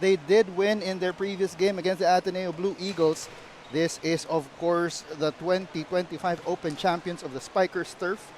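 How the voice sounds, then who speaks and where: Filipino guy doing live sports commentary, pretty high voice, bit of noise behind him. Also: steady tone, normal speed, darkish tone. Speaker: play-by-play commentator and host.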